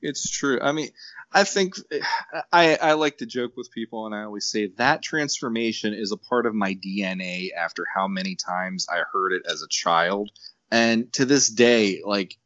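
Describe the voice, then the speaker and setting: A man chatting on a podcast in an animated, rambling way, acting out quotes. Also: fairly low pitch, normal speed, dry recording. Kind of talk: casual podcast chat. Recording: dull lo-fi dry sound.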